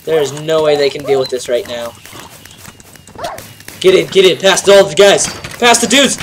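A young man with a stuffy, nasal voice casually commentating a game, joking around and shouting bursts of excitement at the action. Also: a little high, moderate pace, slight background noise. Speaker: gameplay commentator. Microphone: home desk mic.

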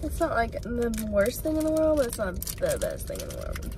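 A woman's voice: fairly high pitch, huge pitch swings, moderate pace, distant mic, noisy background. A young woman chatting casually and laughing often while sitting in a car. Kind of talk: casual chat. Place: inside a car.

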